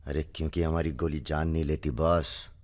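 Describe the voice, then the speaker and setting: A deep-voiced cocky gangster. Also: male voice, little pitch movement, normal speed, a little mellow. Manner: casual, teasing, laid-back. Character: easygoing young male gangster, teasing and cocky. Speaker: film character. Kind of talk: Hindi film dub.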